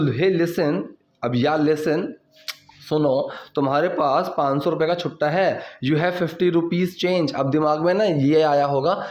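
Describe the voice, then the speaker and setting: A young man with a fairly high voice explains English to learners in relaxed Hindi. He keeps checking that they follow, and he slows right down on each English example sentence. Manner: says English example sentences slowly and deliberately; casual, repetitive teaching with many "theek hai" check-ins. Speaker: English teacher.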